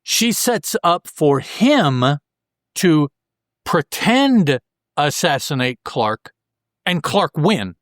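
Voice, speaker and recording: Very animated yet very slow, this man hosts a podcast where he walks through a comic book plot in loose, everyday language with joking asides. His voice sits slightly high, and the close, fairly dry audio carries no room sound.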